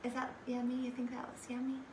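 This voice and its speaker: A woman's voice: sits high, completely flat delivery, fast, background noise. A woman vlogger talking to her pets in a coaxing way, asking them lots of questions. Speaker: pet vlogger. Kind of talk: casual vlog talk to pets. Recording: roomy echo.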